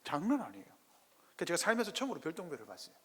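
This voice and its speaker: A pastor, preaching a sermon in a church sanctuary and firing rhetorical questions at the congregation. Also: male voice, fairly high pitch, wildly swooping pitch, very fast, a bit bright, breathy edge. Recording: echoey church hall.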